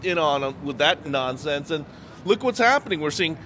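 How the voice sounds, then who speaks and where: A man's voice: fairly high pitch, expressive, normal speed. A man giving emphatic, indignant political commentary outdoors during a street interview. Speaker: local commentator. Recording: loud street and traffic noise.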